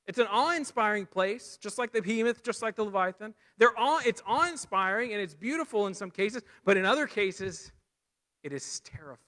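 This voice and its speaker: A man preaching a lesson, animated, rising loud for emphasis and dropping low and quiet for key points. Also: fairly quick. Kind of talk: sermon lesson.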